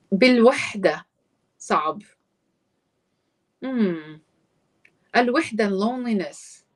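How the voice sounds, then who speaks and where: A woman teaching a live online Arabic class, explaining grammar patiently and switching between English and Arabic. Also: mid-range voice. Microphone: computer mic on a live stream.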